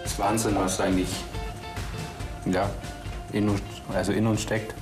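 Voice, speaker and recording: Hesitant young cook, deep voice. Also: male voice, flat delivery, moderate pace. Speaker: restaurant cook. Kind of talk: casual talk. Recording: roomy, with music.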